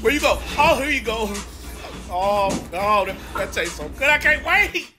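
Set against music, this comedic pet voiceover features an animated man speaking at a measured pace. His delivery is goofy and over the top, full of slang, drawled words and pitch that swings all over the place.

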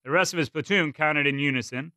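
A man narrating a written story in a measured, expressive reading style. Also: fairly high pitch, clear, resonant tone, no echo. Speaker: story performer. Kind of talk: scripted narration.

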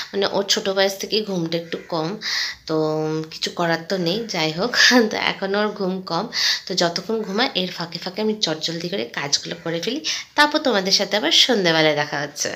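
A home vlogger and mother from India, a woman in her thirties with a West Bengal Bengali accent, chats casually to viewers in a lowish, sharp voice, mixing in English words. Filmed indoors in small home rooms and a kitchen on a handheld phone at arm's length, the roomy audio carries clear background noise.

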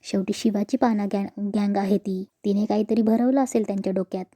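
A woman reading the part of a spiteful, sharp-tongued young woman who sneers. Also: medium pitch, fairly even intonation, brisk, close to an everyday voice. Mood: scornful.

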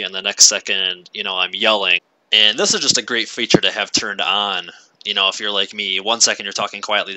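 A young man casually walking through headset software and setup as a gaming channel host, relaxed and rambling with lots of fillers, talking into a headset mic at home. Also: lowish voice, low-quality recording. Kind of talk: casual tech walkthrough.

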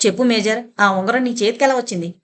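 A woman's voice: on the high side, quick pace, natural voice. A woman voicing a grave older doctor who sternly questions his son.

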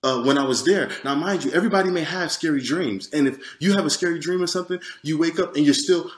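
A man giving a personal testimony, retelling it earnestly and haltingly with many restarts and fillers. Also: on the high side, roomy sound.

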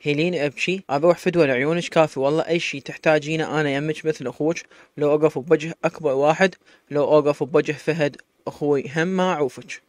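A man with an Iraqi accent playing a kind, protective relative who speaks gently and reassures. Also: a little high, steady tone, very fast, no room sound, close to an everyday voice. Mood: comforting. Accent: Iraqi Arabic. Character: kind protective man, brother-in-law, steady.

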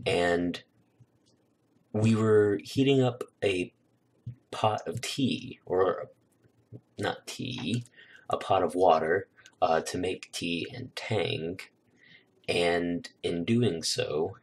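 Low-voiced young man telling a rambling story. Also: slightly rough. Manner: relaxed, rambling, filler-heavy. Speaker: YouTuber. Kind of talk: casual storytelling vlog. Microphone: new desk microphone.

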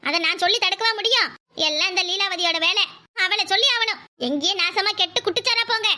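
A very high, bright, shrill cartoon aunt who scolds and schemes, as a woman voices her. She talks fast and sharp-tongued, with faint music behind. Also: full character voice. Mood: scornful. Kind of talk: cartoon voice acting.

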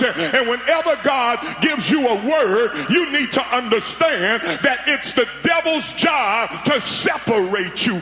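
A middle-aged pastor with a very high-pitched, sharp voice preaches a sermon on a large arena stage into a handheld mic. He's fiery, repeating words and calling out to the crowd, and the sound echoes through the arena.

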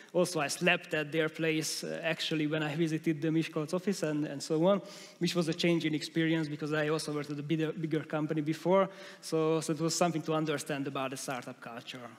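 A man speaks from a large, dark conference stage, his fairly high voice carried by a long hall reverb. He presents at a steady clip, often restarting mid-phrase as he searches for the right English words. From Hungary. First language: Hungarian.

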